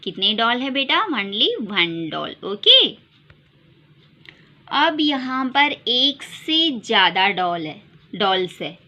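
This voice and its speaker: A woman teaches English to small children, speaking slowly and spelling words out letter by letter. Her voice is bright and a little high. The recording sounds dull and lo-fi. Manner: slow and sing-song, spelling words letter by letter; repeats questions and calls the listener "beta". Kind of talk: classroom lesson for young children.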